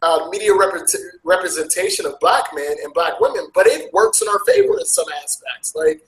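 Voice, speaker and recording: A man with an American accent, talking casually as an interview guest, animated and jumping sharply in pitch. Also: normal speed, echoey room, rough recording. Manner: animated, with big jumps in pitch. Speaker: interview guest, travel vlogger. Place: Asia.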